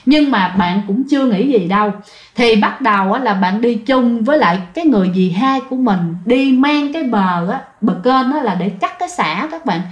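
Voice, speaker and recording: A woman's voice: fairly high pitch, muffled recording. A woman telling a ghost story, chatting directly to her listeners. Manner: conversational, addresses listeners directly. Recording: roomy echoey recording.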